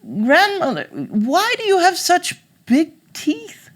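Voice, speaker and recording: A woman's voice: extremely high pitch, wildly swooping pitch, slow, pitched above the performer's own voice, full character voice. A woman voicing a kind, worried little girl in a storybook tale, earnest and questioning. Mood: puzzled, suspicious.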